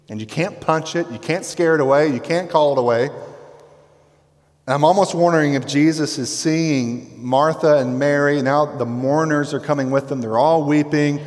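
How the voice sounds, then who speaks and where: A pastor preaching a sermon in a conversational, emphatic way, dropping to quiet intensity on key words. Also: male voice, mid-range voice. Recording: long reverb from a hall.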